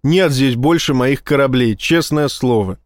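A man voicing a calm male fleet admiral who answers with light, mocking composure. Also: mid-range voice, a little slow, no room sound, studio quality, lightly acted.

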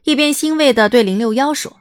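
A woman reading the narration of an audio drama in a smooth, lightly wry storytelling manner. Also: high voice, a little fast, no echo, studio quality.

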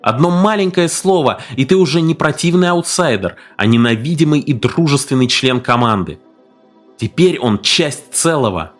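Expressive male storyteller, lively pitch. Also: normal speed, soft background music. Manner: expressive, dramatic reading. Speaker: audiobook narrator. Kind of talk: scripted story narration.

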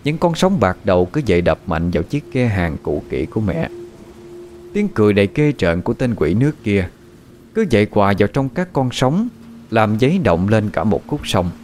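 A man narrating a horror story in a dramatic, expressive style. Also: fairly low pitch, normal speed, a little hiss or hum. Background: faint background music.

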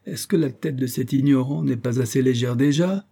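A man's voice: mid-range voice, normal speed, gravelly, mellow, pitched above the performer's own voice. A man voicing a cantankerous, proud old astronomer professor who lectures precisely, stressing each syllable. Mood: lecturing.

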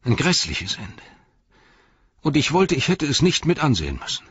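A man's voice: a little high, wildly swooping pitch, moderate pace, a bit bright, breathy edge, dry recording, pitched above the performer's own voice, exaggerated voice. A man voicing a blunt, plain-spoken hobbit servant, in a dry, slightly dull recording. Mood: shaken.

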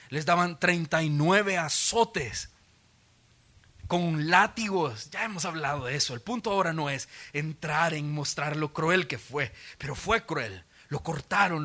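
A man's voice: a little high, bright, forceful tone. A male pastor preaching a sermon in a church auditorium, telling stories vividly and acting out the quotes. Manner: vivid storytelling, acts out quotes.

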